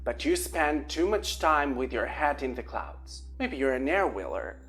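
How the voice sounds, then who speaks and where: A woman's voice: a bass voice, big pitch swings, measured pace, fairly bright tone, heavily acted. Woman reading a scolding witch mother. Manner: lecturing.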